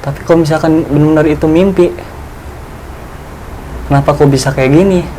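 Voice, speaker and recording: Male guest, animated storyteller, slightly high voice. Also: a little fast, slight background noise, low-quality recording. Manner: animated, acts out friends' voices in dialogue. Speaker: guest telling a ghost experience. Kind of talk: casual storytelling chat.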